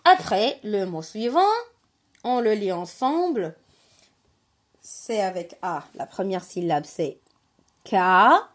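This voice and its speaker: A woman teaching a reading lesson for children, patient, spelling out syllables slowly and asking simple questions. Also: medium pitch, sing-song, a little mellow. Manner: poses questions to young learners.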